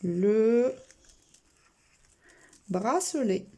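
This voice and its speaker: A woman teacher gives a reading lesson at a very slow, careful pace, spelling out each letter and sound. Her pitch rises and falls a lot. Her voice is mellow and a little breathy. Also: animated. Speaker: primary school teacher.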